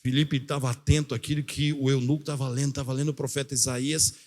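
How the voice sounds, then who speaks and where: A male pastor preaching a sermon in a church, telling a story with animated delivery and acting out the voices of the people in it. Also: medium pitch, quick pace. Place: church auditorium.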